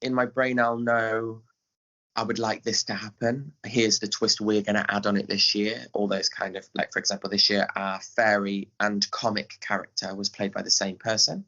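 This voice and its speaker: An English man from England, a pantomime director and scriptwriter, chats casually as an interview guest about his theatre directing work. His voice sits on the low side with little pitch movement, at a moderate pace, sounding pushed and bright. The recording is lo-fi.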